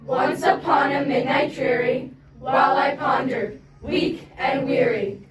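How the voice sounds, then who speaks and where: A group of young women recites poetry in unison with high, projected voices. The delivery is slow, dramatic and emphatic. They sound distant in an echoing space full of voices. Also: female voice. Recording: echoey, distant mic, loud crowd of voices.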